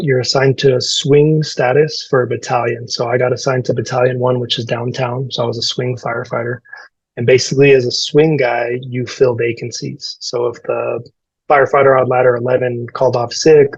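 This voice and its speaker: Firefighter guy in his 30s from el paso, pretty flat delivery, dry close sound, candid and kinda self-deprecating. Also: medium pitch, husky, no room sound, muffled recording. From El Paso, Texas. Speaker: firefighter guest. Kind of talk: podcast interview storytelling.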